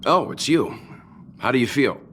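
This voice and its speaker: A man voicing a calm, older-sounding game character who speaks in a measured, reassuring way. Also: medium pitch, slight background noise, close to an everyday voice. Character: calm, older-sounding male doctor-like passenger.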